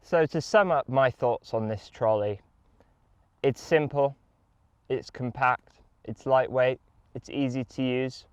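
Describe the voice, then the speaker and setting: A man's voice: mid-range voice, slow, smooth, no room sound. A man giving an enthusiastic, casual product review while playing a round of golf outdoors. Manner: enthusiastic, upbeat.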